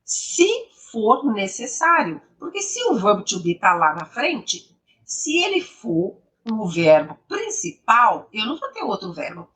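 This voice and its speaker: A woman teaching English grammar, explaining slowly and repeating each example sentence with emphasis. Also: on the high side, huge pitch swings, a bit bright, distant mic.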